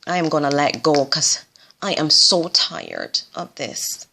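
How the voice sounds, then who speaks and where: A woman's voice: low-pitched, wildly swooping pitch, unhurried, vocal fry, sharp tone, a little hiss or hum, exaggerated voice. Frodo, a woman voicing a worn-out young hero. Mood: weary. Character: weary young male hero ready to give up.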